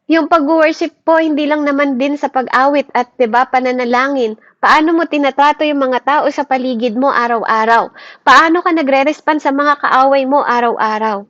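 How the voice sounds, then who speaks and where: A high-pitched Filipino woman leads a morning Bible devotion in an earnest, fervent way, checking in with "Amen?" after nearly every point. The recording is a little dull and muffled, with a dry sound and no room echo. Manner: earnest, fervent preaching with many restarts. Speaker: devotion leader.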